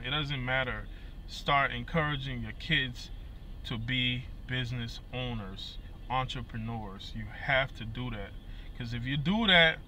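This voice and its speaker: A Liberian-accented musician and vlogger in his thirties talks earnestly into his phone camera, held at arm's length inside a vehicle. His medium-pitched voice is bright and forceful, full of fillers and repeated words, with slight background noise.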